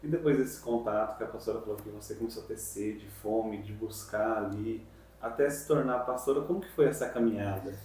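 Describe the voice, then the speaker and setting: A podcast host interviewing a guest, asking gentle prompting questions and giving short agreements. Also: mid-range voice, a little fast. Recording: echoey room, distant mic, faint noise.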